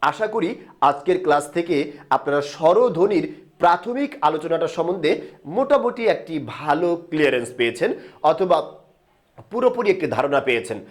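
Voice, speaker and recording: A man with a high voice teaches a grammar lesson to a video audience. He asks a question and then answers it himself. He draws sounds out slowly so viewers can repeat them. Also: lively intonation. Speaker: Bengali grammar instructor.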